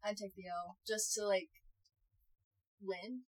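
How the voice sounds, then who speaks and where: A woman's voice: medium pitch, fairly even intonation, slow, low-quality recording. A young woman chatting casually as a podcast co-host, easygoing and laughing along. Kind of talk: casual chat. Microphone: one shared mic.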